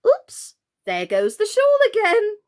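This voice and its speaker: Scatty old queen, swooping high. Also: very slow, heavily acted. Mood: excited, triumphant. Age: older. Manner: wailing, exclamatory, squeaky when excited.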